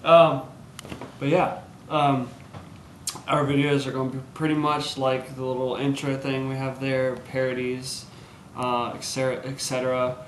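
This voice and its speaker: A young man rambles through casual chat, giggly and full of ums. His pitch is middling. The sound is echoey, with clear background noise on a handheld camera. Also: level tone, normal speed. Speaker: co-host.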